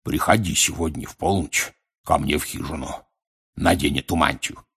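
A man reading an audiobook and voicing a huge, booming male half-giant gamekeeper. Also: sing-song, slow, exaggerated voice. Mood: hearty. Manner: booming, bellowing.

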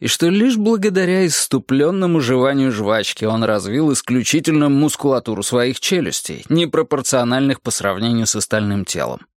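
A man reading a novel aloud in a measured, dry and wry way. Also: medium pitch, lively intonation, dry recording. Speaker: audiobook narrator. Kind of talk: scripted narration.

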